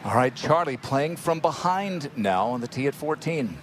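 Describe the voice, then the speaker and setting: A man's voice: medium pitch, expressive, normal speed. A man commentating live on a golf tournament as the lead announcer, in an outdoor broadcast. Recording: outdoor broadcast with loud ambient noise.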